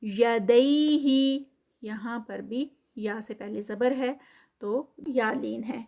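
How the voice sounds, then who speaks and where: Fairly high-voiced woman teaching tajweed. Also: steady tone, creaky, a little mellow. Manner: slow drawn-out recitation between quick explanations. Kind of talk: tajweed lesson.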